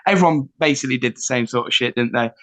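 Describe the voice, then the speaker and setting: A young man from Nottingham, England, appears as a musician guest in a casual interview chat. He talks fast in a mid-range, fairly bright voice, self-deprecating and full of fillers.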